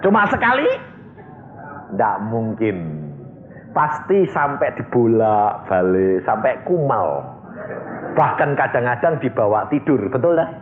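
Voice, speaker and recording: A man preaching a sermon as pastor, swinging between high excited questions and low confiding asides. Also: measured pace, pauses often. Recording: echoey room on a thin phone-like line.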